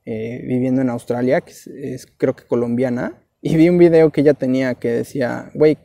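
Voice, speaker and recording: Speaking at normal speed in a steady, warm, somewhat creaky medium-pitched voice, a young Mexican vlogger with a Mexican Spanish accent hands out casual advice. He rambles, loads it with slang, and keeps saying "güey."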